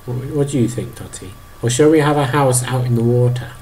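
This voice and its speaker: A man in his thirties narrating a video game to his toddler, animated, exclaiming and making playful sound effects. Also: medium pitch, fairly quick, a little hiss or hum. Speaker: parent playing a video game.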